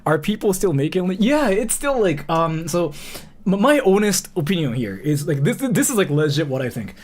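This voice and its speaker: Very animated and high-pitched, this livestream host in his thirties reacts and chats loosely. His speech is halting and rambling, full of self-corrections and filler words.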